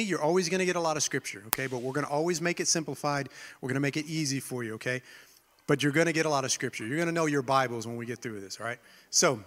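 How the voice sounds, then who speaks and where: A man's voice: fairly high pitch, fairly bright tone, in a large hall. A man with a nasal, congested-sounding voice giving a conversational sermon as a teaching pastor, informally checking in with listeners as he goes. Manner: informal, frequent check-ins like "right?" and "okay?".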